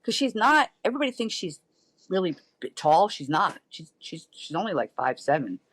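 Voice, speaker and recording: A woman's voice: low-pitched, a little fast, no room sound. A middle-aged woman, a podcast guest telling a story in casual chat and acting out the voices of the people she quotes. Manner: lively, animated storyteller who acts out quoted voices.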